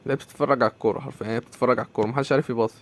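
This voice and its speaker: A man's voice: mid-range voice, steady tone, racing. A young man with an Egyptian Arabic accent commentating his own football video game match, exasperated and repeating his complaints. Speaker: gaming YouTuber.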